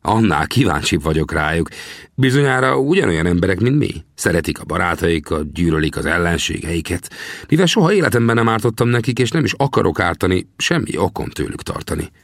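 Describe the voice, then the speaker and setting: A man voicing a calm, curious young male surveyor in an audiobook, answering plainly. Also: sits low, no room sound, clean studio sound.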